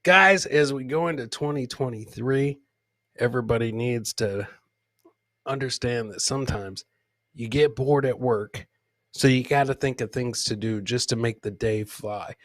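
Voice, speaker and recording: A man hosting a live comedy show talks about clips in a casual, informal way, repeating lines like a showman. The podcast host's mid-range voice is a bit bright and measured in pace, on a dry recording.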